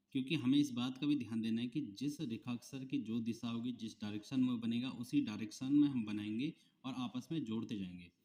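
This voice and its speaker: A man teaching shorthand, calmly naming each stroke and repeating it step by step. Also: mid-range voice. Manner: slow, repetitive dictation of strokes. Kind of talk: step-by-step tutorial explanation.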